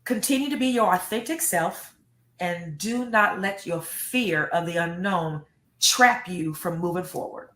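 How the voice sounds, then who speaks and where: A woman's voice: fairly low pitch, measured pace, fairly bright tone, reverberant. A middle-aged American woman, a school superintendent, giving earnest, emphatic interview answers and often repeating words. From United States.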